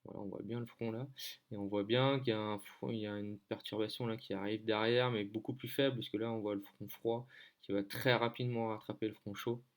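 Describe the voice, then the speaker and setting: A man's voice: fairly low pitch, fairly even intonation, brisk. A man from France giving a casual screen-share lesson on weather maps, hesitant, with many fillers as he thinks aloud. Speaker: weather-map tutor.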